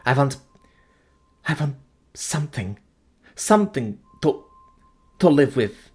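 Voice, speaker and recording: A man's voice: medium pitch, expressive, fast, slightly rough, voice pushed up. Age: young adult. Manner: pleading, breathless, trembling. Figure: a devoted woman in mourning, as a male narrator puts her on, in an audiobook. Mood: anguished.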